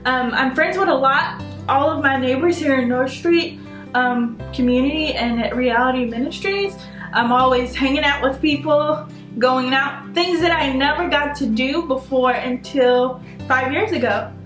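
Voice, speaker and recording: Chatty woman in her twenties, bright and high, echoing room, guitar under her. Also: unhurried. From North Carolina, US. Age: 20s. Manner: chatty, open, fond of fillers. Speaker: interviewee. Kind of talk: personal interview. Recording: roomy room with soft guitar.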